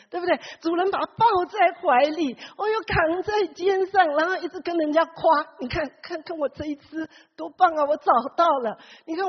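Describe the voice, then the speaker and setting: A woman preaching a sermon who keeps asking the congregation questions and acts out the Bible characters with big swings in her voice. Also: sits high. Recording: long hall reverb, dull lo-fi sound.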